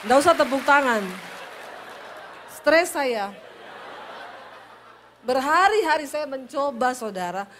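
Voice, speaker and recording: A woman pastor from Sulawesi with a Sulawesi accent, preaching in a loud, animated, humorous storytelling style. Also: takes it slowly, pauses often, a faint crowd, slight background noise. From Sulawesi, Indonesia. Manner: loud, animated, high-toned speech.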